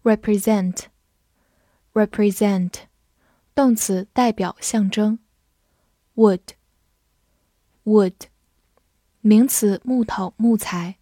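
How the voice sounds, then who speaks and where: A woman English teacher narrating a vocabulary lesson, slowly repeating each word twice before giving its meaning. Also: medium pitch, mellow, dry recording, clean studio sound. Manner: slow, drawn-out word repetition.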